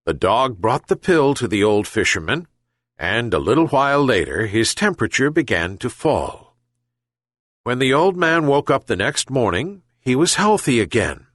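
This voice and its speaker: A man's voice: dry recording, clean studio sound. A man reading a children's fable aloud as a narrator. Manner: slow, gentle, very lively pitch. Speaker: reader. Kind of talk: storybook narration.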